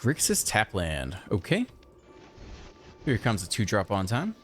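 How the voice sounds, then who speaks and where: A man giving casual, chatty commentary over his own card game, thinking aloud and breaking into excited outbursts. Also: on the low side, unhurried, soft background music. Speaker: gaming channel host.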